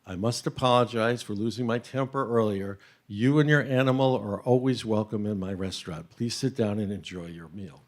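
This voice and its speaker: A man's voice: lowish voice, normal speed, few pauses, natural voice. A man voicing a hot-tempered male restaurant owner and chef who splutters and barks orders. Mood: apologetic.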